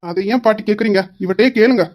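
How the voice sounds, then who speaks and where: A woman's voice: medium pitch, fast, natural voice. A woman voicing a stern young husband who is a police officer, firm and lecturing, in an amateur family drama. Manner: firm, lecturing, shouts for his wife.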